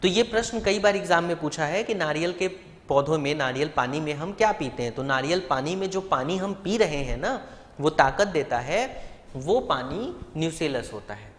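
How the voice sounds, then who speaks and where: A man's voice: a little high, expressive, normal speed, fairly bright tone, big-room sound. A man teaching a live online biology class, explaining step by step and putting rhetorical questions to his students. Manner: addresses students directly and fondly.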